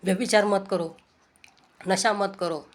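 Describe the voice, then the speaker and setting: Speaking slowly in a steady, mid-range voice, a woman preaches an informal sermon with earnest exhortation, as if giving a casual talk in a home. She goes over her points more than once and keeps engaging her audience with rhetorical questions.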